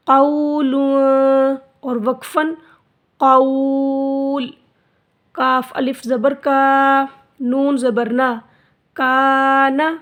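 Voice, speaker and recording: A woman teaching Quran recitation, spelling out letters and vowel marks, then drawing out each word slowly for the learner. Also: sits high, a bit bright. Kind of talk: slow spelled-out recitation lesson.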